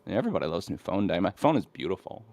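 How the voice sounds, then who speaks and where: A man's voice: low-pitched, sing-song, rapid-fire, gravelly, a little mellow, dry recording, studio quality. A male podcast co-host talking in a laid-back way, repeating himself with a wry tone. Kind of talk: casual podcast chat.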